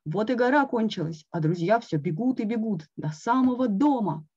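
A woman reading a picture book aloud to children with expressive, slow storytelling. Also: fairly high pitch, husky. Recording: dull lo-fi online call.

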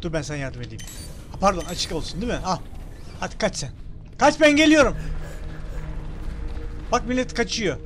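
A man's voice: high voice, animated, normal speed, pauses often. A man streaming a video game, commenting casually, swearing and talking back to what happens on screen. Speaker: gameplay streamer. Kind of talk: casual let's-play commentary. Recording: loud game music behind the voice. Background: game music.

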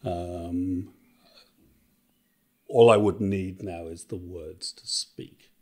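A man's voice: deep voice, drawn-out words, a little mellow, slightly rough. A middle-aged man from Wales with a Welsh accent, a podcast guest chatting casually and thinking aloud with many fillers and restarts. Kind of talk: casual interview chat.

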